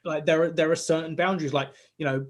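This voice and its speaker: A man's voice: a little high, fast talker. Chatty man telling a rambling story. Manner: rambling, animated storytelling full of "like" and "right?"; acts out quoted dialogue in the story. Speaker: podcast co-host, father of a young boy. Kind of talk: casual chat.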